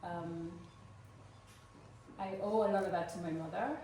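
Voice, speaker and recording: In an event room with a live audience, a fundraising speaker in her forties from Uganda tells her personal story earnestly and warmly, pausing often on "um". Her fairly low voice sounds distant, surrounded by strong echo and faint underlying noise.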